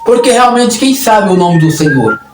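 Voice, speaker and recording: A man's voice: high voice, big pitch swings, normal speed. A Brazilian man preaching a sermon in an earnest, repetitive way, often restarting his phrases. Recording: echoey room, distant mic, noisy.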